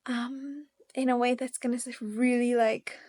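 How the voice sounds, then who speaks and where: A young woman giving a casual, earnest devotional talk to her viewers, encouraging and gentle with soft pauses. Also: fairly high pitch, level tone. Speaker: faith vlogger.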